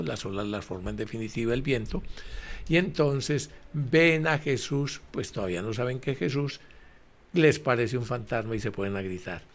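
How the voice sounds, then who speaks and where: A man presenting a Bible commentary in a relaxed, conversational way, explaining slowly with many fillers and repetitions and speaking straight to his listeners. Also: mid-range voice. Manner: addresses listeners directly.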